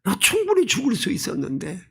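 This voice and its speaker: A man's voice: very high-pitched, huge pitch swings, brisk, creaky, bright, forceful tone, slightly rough, pitched above the performer's own voice, heavily acted. A male pastor voicing a remorseful old king who weeps as he speaks. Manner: tearful, pleading.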